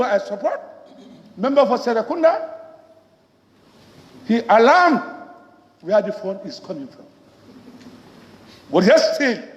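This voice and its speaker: A woman member of parliament with a Gambian accent gives an emphatic, rhetorical parliament speech, repeating phrases for weight. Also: a little high. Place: large parliament chamber. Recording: echoey, reverberant hall, muffled.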